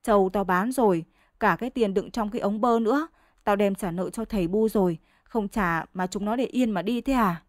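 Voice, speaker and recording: A woman reading as a lazy village husband who blusters and whines at his wife, in a mid-pitched voice. The sound is dry and close. A storybook figure full of bluster. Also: normal speed, no echo, close to an everyday voice.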